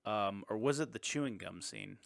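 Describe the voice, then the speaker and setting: A man co-hosting a podcast, casually recapping a film and dropping into quick silly impressions. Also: fairly low pitch, vocal fry, no room sound, clean studio sound. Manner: rambling, retells scenes with quick silly impressions. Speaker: podcast co-host. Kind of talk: casual movie recap chat.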